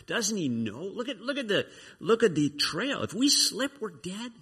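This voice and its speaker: A man voicing Woebegone, a nagging male spirit of despair in a sermon story, with a shrill, insistent, fearful voice. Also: brisk, a bit bright, slightly rough. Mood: alarmed.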